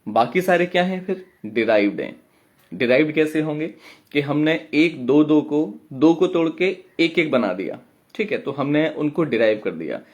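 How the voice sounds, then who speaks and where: A man teaching a poetry workshop, chanting syllables and beat counts in a drawn-out way. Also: a little high, lively intonation, dull audio. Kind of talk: online lesson.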